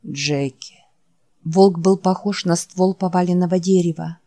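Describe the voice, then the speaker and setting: A woman reading an audiobook in a measured, dramatic narration. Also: on the low side, steady tone, mellow. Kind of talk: scripted narration.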